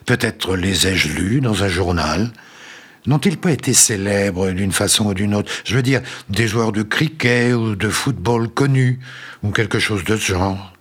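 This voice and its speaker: An eager young man, earnest and puzzled, pressing on with his questions in a slightly raised voice, as a male narrator voices him for a storybook reading. The tone has a husky edge to it. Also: on the low side, unhurried, voice pushed up.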